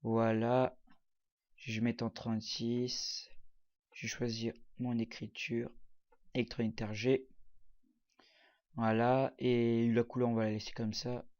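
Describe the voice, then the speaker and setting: Hesitant man narrating a software tutorial. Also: medium pitch, flat delivery, a little slow, pauses often, muffled recording. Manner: hesitant, many fillers, talks while clicking. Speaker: tutorial presenter. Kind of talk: casual screen-recorded software tutorial.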